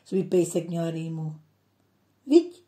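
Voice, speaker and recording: A woman's voice: low voice, expressive, warm tone. A woman voicing a curious little boy in a storybook reading, eager and full of questions.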